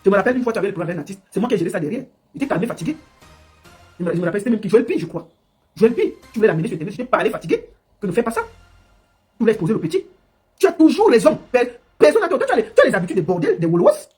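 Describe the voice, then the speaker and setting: A woman's voice: medium pitch, sing-song, darkish tone, slightly rough, soft background music. A woman giving a scolding, mocking live commentary. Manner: scolding, mocking, rapid-fire. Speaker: livestream commentator.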